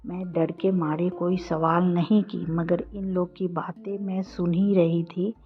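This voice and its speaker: A woman narrating a first-person horror story, slow, flat and hushed. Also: on the low side. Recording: dull lo-fi audio with faint music.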